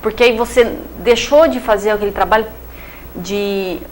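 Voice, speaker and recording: A woman's voice: mid-range voice, normal speed, darkish tone, slight background noise, low-quality recording. A young Brazilian woman psychiatrist talking in an interview, explaining in a chatty way with everyday examples and many fillers. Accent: Brazilian Portuguese. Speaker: psychiatrist guest. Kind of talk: casual interview talk.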